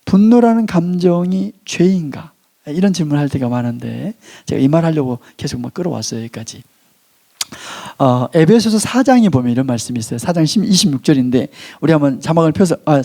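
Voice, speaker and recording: Guy pastor preaching in church, voice swings up and down a lot, warm mellow tone, slows right down on the big points. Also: on the high side. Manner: leads the congregation in call-and-response reading; slows down and stresses key phrases, then drops his voice. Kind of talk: sermon.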